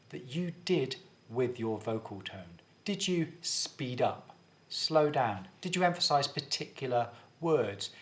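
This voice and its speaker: Man teaching a drama class. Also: fairly high pitch. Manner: clear, instructive, guiding students step by step. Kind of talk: video lesson.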